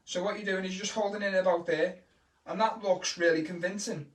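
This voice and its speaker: Brisk and high-voiced, a Liverpool man with a Scouse accent teaches kids' magic tricks on a casual live stream. His chatty, encouraging delivery quickens when he gets excited, and the distant mic picks up a roomy echo.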